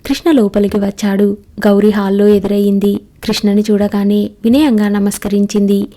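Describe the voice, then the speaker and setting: A woman reads a novel aloud as a storyteller. Her voice is mellow and dark, and she keeps the pitch flat and steady throughout. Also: moderate pace.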